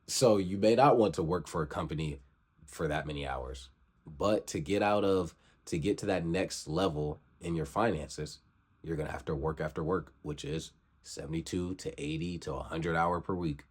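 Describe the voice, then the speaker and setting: A man's voice: extremely low pitch, moderate pace, husky. A man in his twenties gives a motivational vlog talk, preachy and repetitive, urging viewers to grind. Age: 20s. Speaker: vlogger.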